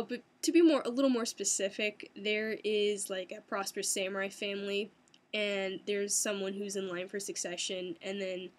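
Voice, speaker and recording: A young woman from the United States casually recapping her experiences in a chatty, animated way, laughing often and using many fillers. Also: medium pitch. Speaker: vlogger. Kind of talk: casual first-person recap.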